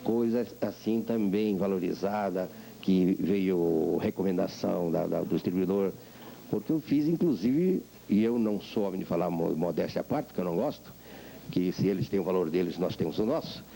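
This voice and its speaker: An older man, a veteran voice actor, being interviewed and telling animated stories about his craft. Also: deep voice, normal speed, gravelly, slight background noise, rough recording. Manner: animated storyteller, acts out voices. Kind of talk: reflective interview talk.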